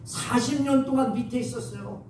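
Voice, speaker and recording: High-voiced pastor in an echoey church. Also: male voice, normal speed. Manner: lively, coaxing the congregation to respond. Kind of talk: sermon. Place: church sanctuary. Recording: echoey church hall from far off, faint noise.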